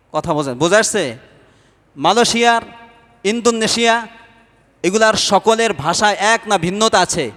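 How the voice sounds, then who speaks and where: High-voiced man preaching in a reverberant hall. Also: fairly bright tone. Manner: asks the audience questions and answers them himself. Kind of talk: Islamic sermon.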